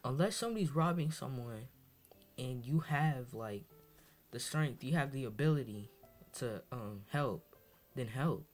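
Over soft background music, a young man from Massachusetts talks through his first solo podcast in an unhurried, expressive, mid-range voice. Tired and low on energy, he meanders hesitantly, with plenty of fillers and restarts.

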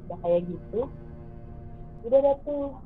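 A high-voiced woman tells a ghost story with lively energy. The sound is tinny and phone-like. Faint music plays behind her. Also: normal speed. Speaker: guest telling a ghost story. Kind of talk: casual storytelling.

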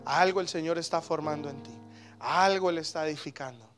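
A man in his thirties preaching a sermon as pastor, animated, with sudden loud exclamations. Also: a little high, fairly quick, faint music behind.

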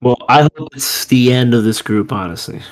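A man's voice: mid-range voice, normal speed. A man co-hosting a wrestling podcast, talking in a laid-back way with lots of fillers and swearing. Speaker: podcast co-host. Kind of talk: casual wrestling podcast chat.

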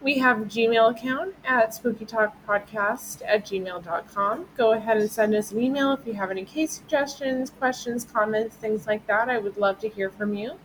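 A woman's voice: on the high side, normal speed, few pauses, fairly bright tone, slight background noise, poor audio. A woman hosting a casual true-crime podcast, chatty and loose, often breaking into giggles. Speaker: podcast host.

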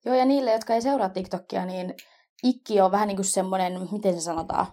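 A woman's voice: mid-range voice, mellow. A young woman co-hosting a casual podcast chat, easygoing and agreeable, laughing along. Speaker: podcast co-host.

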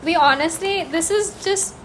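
A woman's voice: very high-pitched, moderate pace, echoey room, background noise. A young woman from India, co-hosting a chaotic chat podcast among friends and steering the talk. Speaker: podcast co-host.

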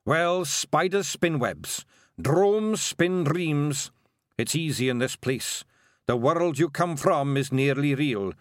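A man's voice: a little high, animated, takes it slowly, no echo, studio quality, voice pushed up. A man voicing a boastful little male pixie chieftain with a Scottish accent. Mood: gruff.

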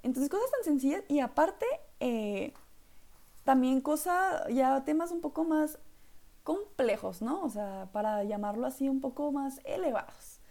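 Hosting her own podcast alone, this young northern Mexican woman rambles along in a chatty monologue full of asides and fillers such as "literal" and "¿saben?", her regional accent clear. She sounds expressive at a measured pace, her slightly high voice carrying a mellow, gravelly fry.

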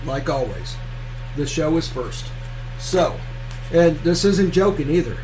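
A man's voice: fairly high pitch, lively intonation, measured pace, a little mellow, a little hiss or hum, rough recording. A man podcast host in crude, casual banter, his voice nasal and stuffed up with a cold, slightly slurred. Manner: crude, joking.

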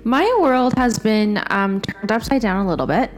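A woman's voice: mid-range voice, moderate pace. A woman chatting casually and informally as a podcast co-host, with an upbeat manner. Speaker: podcast co-host, outreach worker and teacher. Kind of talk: casual chat.

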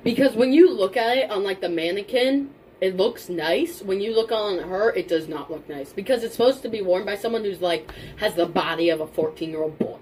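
A young woman chats casually as a podcast co-host. Her pitch sits in the middle for a woman, and she is informal and emphatic. A faint layer of room noise runs behind her. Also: a little fast, poor audio. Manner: informal, emphatic repetition, mild swearing. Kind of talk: casual chat. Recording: steady background noise and room ambience.

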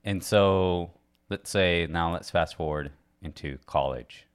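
A man hosts a relaxed one-on-one interview in an easy conversational way. His voice sits at the very bottom of the male range, and he keeps the talk going with short agreeing yeahs. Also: deep voice, slow, clean tone. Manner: relaxed, affirming with frequent yeahs. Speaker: host. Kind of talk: casual interview.

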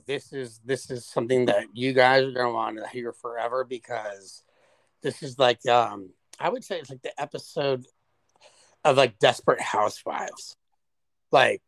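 A man's voice: mid-range voice, unhurried, gravelly, dry recording. Man co-host, chatty and dramatic, mid-range voice, dry close recording, swears freely. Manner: animated, profane, exaggerated storyteller. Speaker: podcast co-host. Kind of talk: casual chat.

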